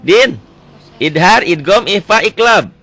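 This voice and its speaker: Guy teaching quran reading, quizzes and repeats answers, lively bright voice. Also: high voice. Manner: quizzing questions, repeats answers, recites slowly. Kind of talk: Quran reading lesson with a child.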